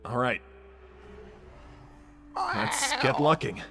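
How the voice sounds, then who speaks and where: Bright, cocky young hedgehog hero, voiced by a man. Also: mid-range voice, huge pitch swings, extremely slow, soft background music, exaggerated voice. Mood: casual, decisive. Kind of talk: improvised character roleplay on a livestream.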